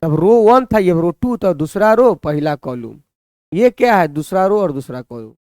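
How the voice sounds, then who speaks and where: A man's voice: high voice, lively intonation, a little slow, darkish tone, dry recording, clean studio sound. Man teaching maths. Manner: repeats questions to students and answers them himself. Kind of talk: blackboard maths lesson.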